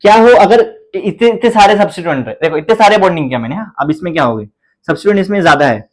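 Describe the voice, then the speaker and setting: High-voiced Indian man teaching chemistry. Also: lively intonation, very fast, low-quality recording. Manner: repetitive, asks students questions and answers them; counts aloud with a playful chant. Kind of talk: classroom lecture.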